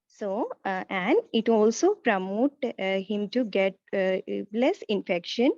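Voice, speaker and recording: A woman speaking as a nurse in a practice role-play, reassuring and polite, with a halting, hesitant delivery. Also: mid-range voice, lively intonation, darkish tone, no echo. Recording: slightly dull, lo-fi audio.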